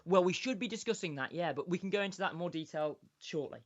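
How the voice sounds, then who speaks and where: A man's voice: sits high, fast talker. A man co-hosting a podcast over a call without headphones, his voice muffled and hollow as if inside a fishbowl, talking eagerly and repeating points for emphasis. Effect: muffled, hollow sound as if inside a fishbowl. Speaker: podcast co-host. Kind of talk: casual chat. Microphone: Skype call without headphones. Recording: dull lo-fi internet call audio.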